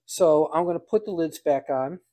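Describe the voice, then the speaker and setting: A man's voice: on the high side, moderate pace, warm tone. An older man giving a casual hands-on demonstration, talking aloud in a folksy, dryly humorous way. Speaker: home cider maker demonstrating.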